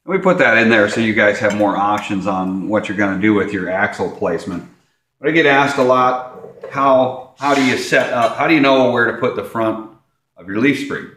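A man's voice: mid-range voice, a bit bright. Plain-spoken man in an echoey garage. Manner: plain-spoken, practical, repeats phrases as he works. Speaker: host. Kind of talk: casual how-to demonstration. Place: large garage workshop, indoors.

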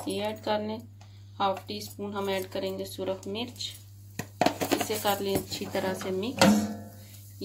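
A woman with a Pakistani Urdu accent giving steady step-by-step recipe instructions as a cooking channel host in her home kitchen. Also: medium pitch, background noise. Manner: steady, even, unhurried instructions. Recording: home kitchen recording with audible frying sizzle.

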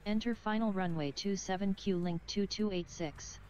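A woman voicing a calm pilot over the radio. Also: medium pitch, normal speed. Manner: clipped, formulaic readbacks. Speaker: airline pilot reading back clearances. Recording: lo-fi radio with clear noise.

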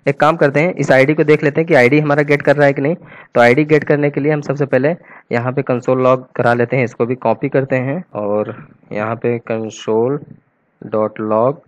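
A man of middle pitch walks through a coding tutorial at his desk microphone. He thinks aloud as he types and clicks, loose and conversational, and drops English terms into his speech. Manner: casual, thinks aloud while typing, mixes English terms into Hindi. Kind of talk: screen-recorded coding tutorial.

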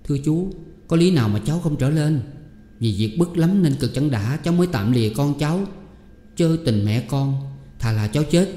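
A man's voice: fairly high pitch, lively intonation, moderate pace, warm tone, voice pushed up, natural voice. A man voicing a humble young mother who pleads politely with her elders. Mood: pleading. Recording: echoey room with long reverb.

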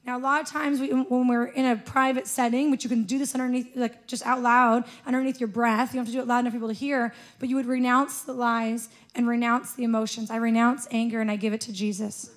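A young woman with a fairly high voice leads a congregation from a church stage, gently coaching them. She speaks into a handheld microphone in a church auditorium. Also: level tone, fast, few pauses. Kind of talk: sermon with guided prayer. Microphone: handheld mic.

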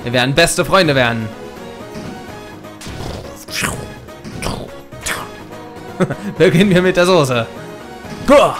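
A man's voice: mid-range voice, measured pace, close to an everyday voice. A man reading the lines of a fierce, brash female fish warrior captain in a game, in boisterous bursts, with faint game music behind. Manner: boisterous, loud bursts, chuckling. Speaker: Let's Play gamer reading dialogue. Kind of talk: reading game dialogue aloud.

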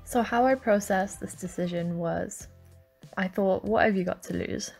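A young woman in her twenties reads a scripted voice-over about her student life, friendly and encouraging. Her mid-pitched voice has a gravelly, fried texture. Soft music plays faintly underneath. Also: moderate pace. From Lithuania. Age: 20s. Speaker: university student.

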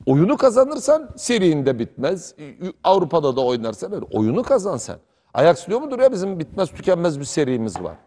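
Middle-aged man, sports pundit, lively swooping delivery, fiery argumentative tone, somewhat high voice. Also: quick pace. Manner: heated, animated arguing. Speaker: sports commentator. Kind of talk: studio sports talk.

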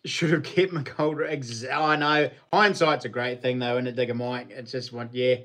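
Casting: middle-aged male livestream host, broad Kiwi accent, laid-back and matey, mid-pitched voice, casual slangy chat. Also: level tone, normal speed, a bit bright. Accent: broad New Zealand. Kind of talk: casual chat to live viewers. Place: living room at home.

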